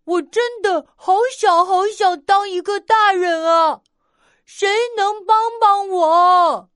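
Little Bear, a high eager bear cub, as a woman puts him on. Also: expressive, slow pace, dry recording, studio quality. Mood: pleading. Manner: childlike, whiny and wishful. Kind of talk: children's storybook voice acting.

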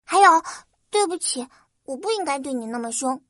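A woman's voice: very high voice, normal speed, bright, forceful tone, no room sound, clean studio sound, voice pushed up. A woman voicing a tiny, hot-tempered flower fairy girl for a children's story, with a piping little voice and a petulant, complaining manner. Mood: softened, sincere.

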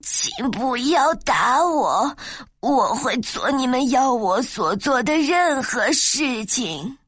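Woman narrator doing a meek, shaky old wizard in a storybook, slow and low, dry close sound. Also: animated, a bit bright, no room sound. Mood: timid. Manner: slow and trembling. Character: timid little old bald male wizard. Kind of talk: storybook reading.

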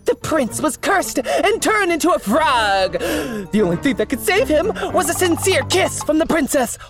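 A giggly, eager male dog sidekick in a cartoon, voiced by a woman. He speaks very high and slowly, and his pitch bounces around. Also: very animated, over music. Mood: explaining.

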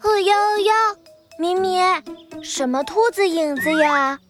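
Childlike little crocodile, extremely high squeaky voice, exclamatory, excitable, children's audio story, music underneath. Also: takes it slowly. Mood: excited, playful. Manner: exclamatory, bubbly.

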